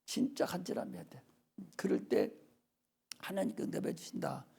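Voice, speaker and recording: An older man, a pastor preaching a Friday worship sermon with fervent urging that drops to soft near-whispers. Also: on the high side, expressive, moderate pace, vocal fry, slightly rough.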